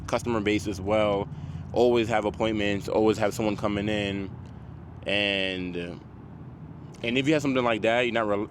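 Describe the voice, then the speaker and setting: Male car-salesman vlogger, lowish pitch, casual advice delivery, repeats for emphasis, recorded outdoors with light vehicle and dryer noise. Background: loud dryer and passing cars.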